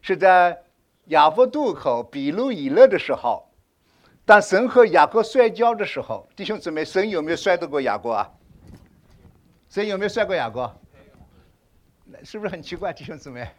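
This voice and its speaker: A man preaching a sermon, asking the congregation questions, swinging between loud exclamations and hushed asides. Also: high voice, normal speed, long pauses. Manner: animated, rhetorical questions to the congregation.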